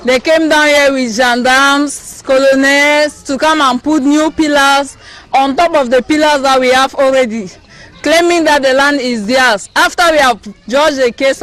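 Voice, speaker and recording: A man's voice: extremely high pitch, a bit bright. A man with a Cameroonian accent speaking spontaneously as an interviewed resident, emphatic, pleading and aggrieved. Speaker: local resident being interviewed. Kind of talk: impassioned spontaneous statement.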